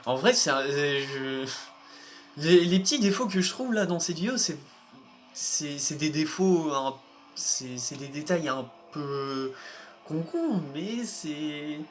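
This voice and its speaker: A man's voice: on the high side, expressive, slow, faint music behind. A man giving casual, hesitant commentary while playing a racing game, often restarting his sentences and chuckling. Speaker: gaming video host.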